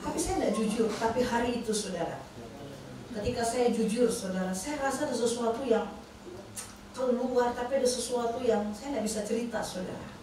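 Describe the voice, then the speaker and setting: High-voiced woman preaching in an echoey hall. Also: a little fast, far from the mic. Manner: animated storytelling, often addressing the congregation as "brothers and sisters". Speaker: pastor's wife giving testimony. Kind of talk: sermon testimony. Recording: very echoey church hall, voice from afar, faint noise.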